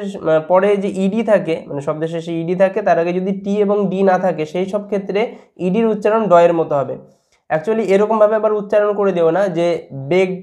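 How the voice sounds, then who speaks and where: A man with a Bengali accent and a fairly high voice teaches a video lesson step by step. He spells each word out letter by letter, then poses a question and answers it himself. He is recorded close to the mic. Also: dark tone. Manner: asks the viewer questions and answers them. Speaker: English teacher.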